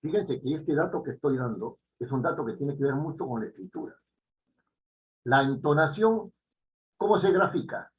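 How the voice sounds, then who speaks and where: A man giving a classroom lecture, repeating key phrases and checking in with the students with quick tag questions. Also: a little high, animated, lo-fi sound. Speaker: teacher.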